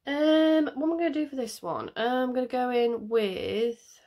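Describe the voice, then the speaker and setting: A high, animated woman's voice with a dark tone and a measured pace. She's an adult parent and makeup vlogger, stuffy and nasal from a cold, rambling with plenty of ums as she does her makeup on camera in a casual tutorial chat.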